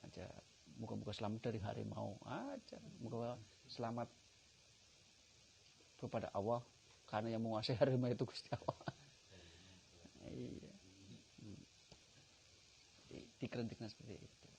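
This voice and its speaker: A man's voice: lowish voice, moderate pace, vocal fry, pauses often, a little hiss or hum, rough recording. A man with a Tegal Javanese accent, a religious teacher telling a story as part of a study lesson and acting out its dialogue. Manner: animated storyteller, acts out dialogue. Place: village study gathering.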